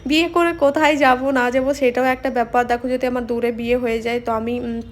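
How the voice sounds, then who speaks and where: A young woman, a makeup artist, chatting casually while doing her makeup, talking fast with many pauses and fillers. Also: on the high side, little pitch movement. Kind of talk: casual talk during a makeup tutorial. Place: home room with an open window. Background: street noise through the window.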